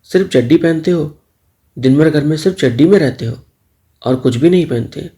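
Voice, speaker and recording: A man's voice: on the high side, normal speed, warm tone, natural voice. A man doing a cheeky young milkman. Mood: teasing. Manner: playful, teasing. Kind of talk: storybook dialogue.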